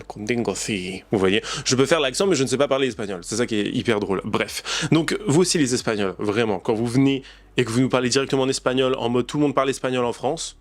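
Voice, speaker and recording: A man's voice: medium pitch, creaky. Ranting French-speaking commentary man. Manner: indignant, ranting, mimics accents. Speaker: YouTube commentator. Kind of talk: casual commentary vlog.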